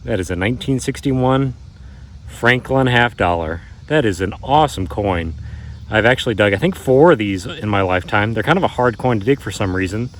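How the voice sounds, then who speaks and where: A man's voice: on the low side, lively intonation, normal speed. A man in his thirties narrating a casual treasure hunter vlog, marveling at his finds and speaking straight to viewers. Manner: marveling exclamations, addressing viewers directly. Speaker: metal detecting treasure hunter, vlogger. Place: outdoors in grassy and wooded areas. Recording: noisy outdoors with insects and vehicles.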